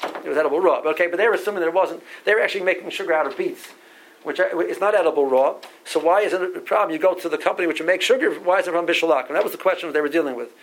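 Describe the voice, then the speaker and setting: Talking very fast in a slightly high voice, a man from Barbados teaches a Talmud class as a rabbi giving a halachic lecture. Working through the sources, he keeps repeating words and pronounces Hebrew legal terms. There's a faint hiss or hum and the audio quality is poor.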